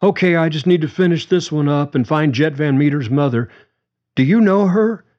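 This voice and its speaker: A man's voice: fairly high pitch, moderate pace, lo-fi sound, voice pushed up, close to an everyday voice. A man doing a harried street artist. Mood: anxious. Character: harried adult male street artist, anxious. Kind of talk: audiobook character voice.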